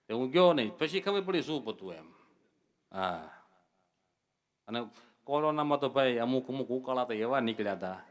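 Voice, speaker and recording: A man's voice: mid-range voice, a bit bright. A man, telling folksy jokes and stories to devotees at a religious gathering. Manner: folksy joke-telling, addresses listeners as devotees. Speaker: comic speaker at a religious gathering. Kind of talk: humorous folk storytelling.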